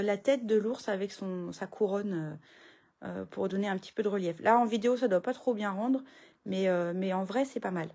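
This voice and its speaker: A woman's voice: mid-range voice, a little mellow, slightly rough. A middle-aged woman, chatting casually through a papercraft tutorial from her home craft room, full of fillers and restarts.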